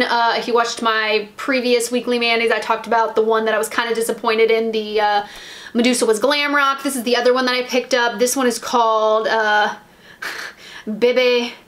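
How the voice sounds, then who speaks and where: A woman's voice: a little high, fairly bright tone. An American woman chatting casually about nail polish, rambling, with lots of ums and restarts. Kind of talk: casual haul chat.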